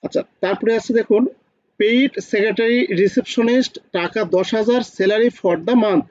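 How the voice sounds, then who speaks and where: A man's voice: high-pitched, moderate pace, a little mellow, no room sound, dull audio. A man with a Bangladeshi Bengali accent teaching an online accounting class, often asking students questions and repeating key points.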